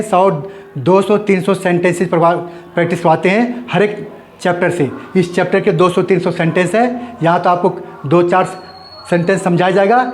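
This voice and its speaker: A man's voice: high voice, echoey room. A man teaching an English grammar lesson, explaining step by step, repeating points and asking and answering his own questions.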